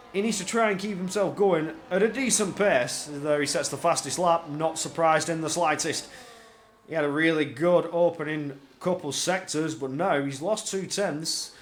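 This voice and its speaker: A man giving live play-by-play racing commentary in an excitable manner, repeating phrases for emphasis. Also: on the high side, moderate pace, slight background noise. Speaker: esports motor racing commentator.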